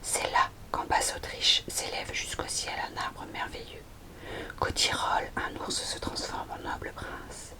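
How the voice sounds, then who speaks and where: A young adult woman presenting books in a soft, unhurried library whisper, in the style of an ASMR recommendation video. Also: rough recording. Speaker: ASMR host recommending storybooks. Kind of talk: whispered ASMR book talk.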